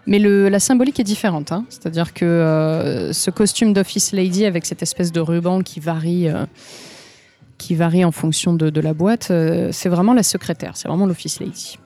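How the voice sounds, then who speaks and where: Woman, from France, interview guest, hesitant long explanations, warm dark tone. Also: fairly low pitch, moderate pace. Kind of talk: conversational interview.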